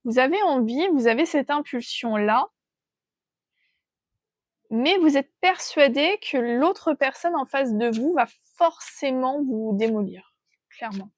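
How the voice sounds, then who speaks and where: A woman giving an intuitive tarot reading, thinking aloud in a gentle, hesitant way as she feels out the cards. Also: high voice, expressive, measured pace, no room sound. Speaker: tarot reader.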